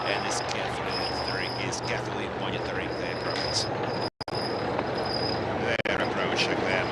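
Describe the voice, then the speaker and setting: A man giving live sports commentary on a tank competition in formal, halting English. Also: lowish voice, very noisy.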